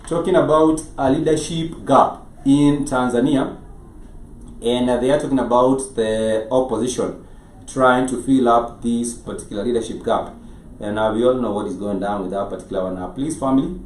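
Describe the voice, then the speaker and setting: A man with a Kenyan accent hosting a live show, speaking in a halting way and often rephrasing himself. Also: mid-range voice, darkish tone. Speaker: show host. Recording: echoey, noisy room, distant mic.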